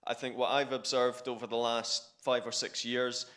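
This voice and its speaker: A man's voice: mid-range voice, flat delivery, moderate pace, fairly bright tone. Conference panelist, man, explanatory with restarts.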